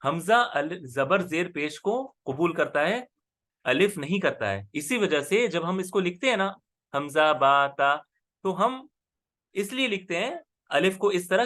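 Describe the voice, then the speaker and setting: A man's voice: high voice, expressive, moderate pace, a bit bright. A man teaching Arabic letters in an online class, explaining patiently and often checking that his student follows.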